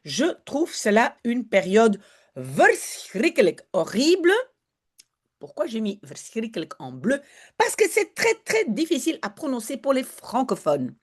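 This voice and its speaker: A woman teaching Dutch in an online lesson, chatty, slowing down to model pronunciation. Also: on the high side. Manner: chatty and lively, apologizes for digressions, models pronunciation slowly.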